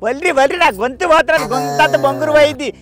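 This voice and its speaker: A man with a Telangana Telugu accent playing a loud, nagging old village mother-in-law in a comedy sketch. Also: racing. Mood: scolding. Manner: shrill nagging scolds, loud outbursts. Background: background music.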